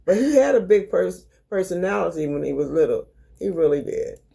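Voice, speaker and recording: A woman's voice: on the low side, very animated, brisk, vocal fry, warm tone. An older woman with a Baltimore accent, telling family stories in a folksy, rambling, casual way. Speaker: mother sharing memories. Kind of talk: casual chat, storytelling.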